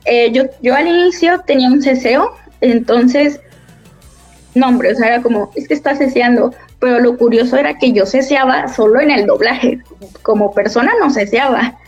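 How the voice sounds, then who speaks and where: A woman's voice: on the high side, moderate pace, highs cut off, faint music behind. A woman, a voice actress, chatting casually and laughing often as she tells stories. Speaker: voice actress guest. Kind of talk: casual chat.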